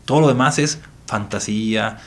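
A man's voice: on the low side, normal speed. A man, a priest with a Mexican Spanish accent, speaking in a reflective podcast interview with an earnest tone and repeating phrases for emphasis. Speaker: priest guest.

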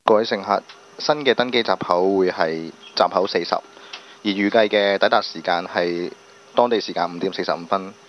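A man's voice: sits low, moderate pace. A man working as a flight attendant, making formal announcements to passengers. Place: aircraft cabin, over the PA. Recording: muffled cabin PA with aircraft hum.

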